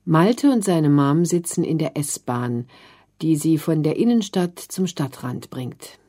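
A woman narrating a children's story in a calm reading. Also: low voice, slow.

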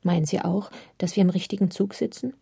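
A woman's voice: fairly low pitch, brisk, creaky, warm tone, breathy edge, dry recording, studio quality, heavily acted. A woman voicing a chatty, curious young woman traveler who speaks politely.

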